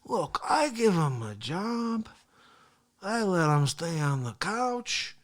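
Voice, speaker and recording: A performer playing a brash, boastful male talk-show host who rambles through a comedy rant, swinging between loud yelling and hushed asides. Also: mid-range voice, very animated, takes it slowly. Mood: rambling, boastful. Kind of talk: comedic character monologue.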